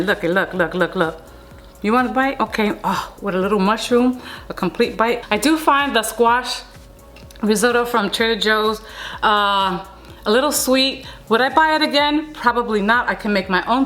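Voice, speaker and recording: A woman's voice: mid-range voice, a bit bright. A woman talking casually as she cooks in her home kitchen, playful and chatty, and closing with a blessing. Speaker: cooking vlogger. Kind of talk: casual cooking vlog. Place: home kitchen under hot lights.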